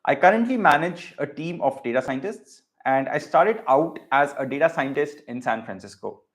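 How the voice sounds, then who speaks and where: Higher-pitched man with an educated Indian accent. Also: expressive, moderate pace. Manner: explanatory, checks in with frequent "right?". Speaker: data science teacher. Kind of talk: informal lecture to camera.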